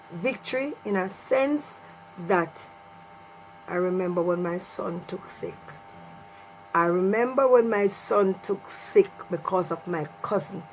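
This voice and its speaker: Speaking casually to viewers, a middle-aged woman with a Jamaican accent recounts a personal story, leaning on repeated phrases for emphasis. She has a lowish voice, and the poor audio includes obvious mains hum and noise.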